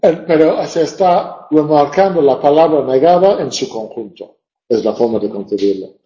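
A male teacher lectures to a class in a slightly high, mellow voice at normal speed, the room echoey. He thinks aloud and recites lines of verse with stressed beats, captured on a dull lo-fi classroom recording.

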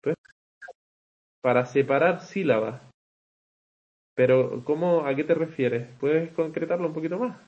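A man's voice: fairly high pitch, measured pace, pauses often, dull audio. A man teaching English poetic meter in an online class, talking conversationally and checking in with frequent rhetorical "vale", with some hesitant restarts.

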